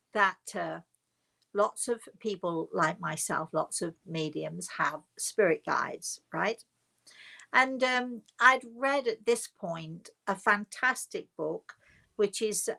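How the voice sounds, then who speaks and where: Gravelly and sharp, this woman's mid-range voice carries a personal story told casually to people online. She is a spiritual medium, and her delivery is chatty and forceful, with words stretched and repeated for emphasis.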